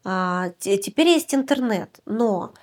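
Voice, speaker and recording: A woman's voice: mid-range voice, expressive, a little slow, a little mellow. Hesitant woman director from Yakutia. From Yakutia, Russia. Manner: reflective, hesitant, many filler sounds. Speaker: documentary film director. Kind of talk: conversational podcast interview.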